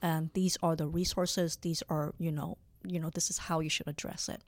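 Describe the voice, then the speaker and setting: A woman in her forties from Hong Kong, a lawyer being interviewed, talking in a halting way with many fillers and restarts. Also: deep voice, level tone, dry recording. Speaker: lawyer guest. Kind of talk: conversational interview.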